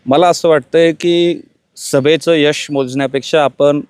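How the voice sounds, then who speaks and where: A man answering interview questions as chairman in a measured, composed way. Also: fairly high pitch, steady tone, a little mellow, clear, resonant tone, no room sound.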